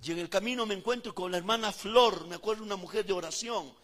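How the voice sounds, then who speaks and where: A man's voice: high-pitched, quick pace, long reverb tail. Fervent preacher man. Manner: fervent, swings from loud to hushed. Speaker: pastor. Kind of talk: sermon.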